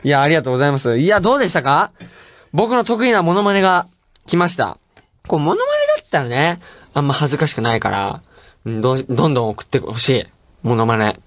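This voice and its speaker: A man's voice: a little high, very animated, fast talker, fairly bright tone, no echo. Playful chatty male radio host. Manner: playful, chatty, laughs often. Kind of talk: casual radio talk reading listener mail.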